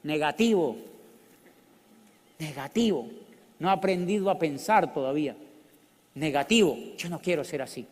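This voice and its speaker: Colombian guy, middle-aged, high voice, animated storytelling, big hall echo. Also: moderate pace, long pauses. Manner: animated, joking, bursts into loud exclamations. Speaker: motivational speaker. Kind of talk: storytelling business talk. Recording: long hall reverb.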